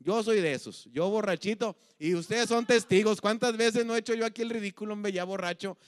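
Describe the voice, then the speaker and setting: A man's voice: high-pitched, a little fast. A man telling bawdy jokes in a bar, rambling and slangy. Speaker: comedian.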